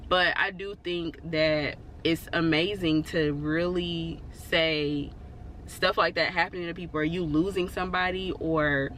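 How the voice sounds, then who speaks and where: A woman's voice: on the low side, fairly even intonation, a little slow, fairly bright tone, a little hiss or hum. A woman vlogging in a casual, rambling way, encouraging her viewers and filling her talk with "like" and "you know". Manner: encouraging, reassuring. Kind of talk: casual motivational talk to camera.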